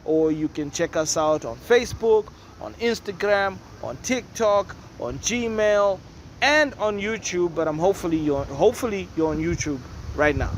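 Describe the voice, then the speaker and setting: Man, high-pitched, chatty, opinionated, rambling, noisy background music. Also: expressive, moderate pace. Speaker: host. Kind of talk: casual commentary. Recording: noisy with loud music nearby. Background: neighbours' music and noise.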